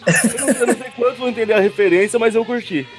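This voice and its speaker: Fast sarcastic man on a podcast. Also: very high-pitched. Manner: quick wry asides, sarcastic. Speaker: podcast co-host. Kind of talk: casual comic book review chat.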